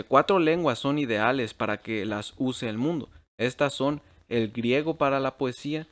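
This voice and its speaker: A medium-pitched man leads a Bible class over shared slides from a computer mic. He drops English words into his Spanish, and nearly every phrase ends with him asking "ok?"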